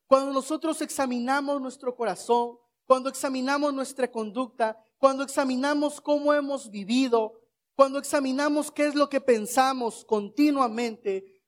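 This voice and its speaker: A man preaching a sermon, asking rhetorical questions and leading the congregation in shouted responses. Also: extremely high pitch.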